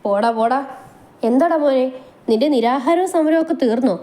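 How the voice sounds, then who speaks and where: A woman's voice: sits high, normal speed, warm tone, pitched above the performer's own voice, lightly acted. Woman voicing a fussing fond mother.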